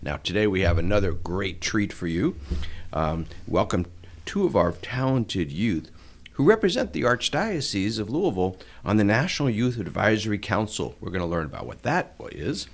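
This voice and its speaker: A middle-aged man with a lowish voice, a diocesan chancellor, hosts a church podcast and welcomes guests warmly. His pitch rises and falls a lot, and he chuckles and restarts little phrases along the way.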